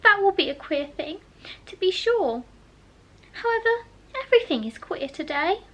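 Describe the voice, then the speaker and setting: A woman reads a well-mannered, curious young girl who chatters on eagerly. Her voice sits high and bright. She speaks with a tidy, proper politeness. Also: sing-song, moderate pace, exaggerated voice. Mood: wistful.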